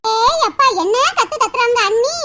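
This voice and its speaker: A woman's voice: extremely high pitch, moderate pace, sharp tone. A woman voicing a cheeky, greedy young sister-in-law, whiny and sarcastic.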